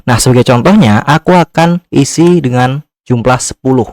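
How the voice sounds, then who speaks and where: A man's voice: medium pitch, moderate pace, a little mellow, no echo. Dry-sounding man hosting a tutorial. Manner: addresses viewers directly in informal speech. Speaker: tutorial host. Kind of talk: casual step-by-step screen tutorial narration.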